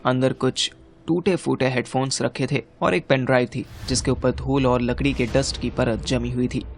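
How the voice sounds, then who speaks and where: A man's voice: medium pitch, fairly even intonation, normal speed, vocal fry, slight background noise. A young man narrating an audio drama in the first person, with urgent, exasperated dialogue. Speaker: narrator and lead character.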